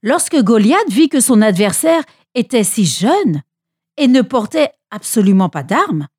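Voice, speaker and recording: A woman narrating a children's story with an expressive, dramatic reading. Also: a little high, a little slow, husky, no room sound, studio quality.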